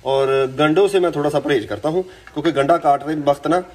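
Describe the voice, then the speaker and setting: A young man chats his way through a home cooking vlog, his voice sitting a little high for a man. A slight hoarseness runs through his relaxed, joking talk, and he mixes English words into his speech. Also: brisk. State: slightly hoarse from singing practice. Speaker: cooking vlogger.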